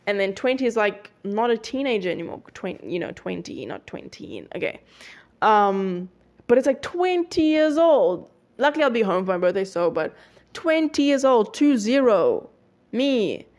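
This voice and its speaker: A woman's voice: medium pitch, very animated, normal speed, darkish tone. A young woman of nineteen hosting a solo podcast, chatting casually with many fillers and self-corrections. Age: young adult. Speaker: podcast host.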